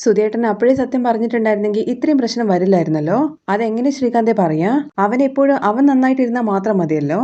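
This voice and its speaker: Woman narrating a serial recap super fast, mellow voice, kinda muffled. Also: a little high, expressive. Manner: quick retelling with quoted dialogue. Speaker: serial review host.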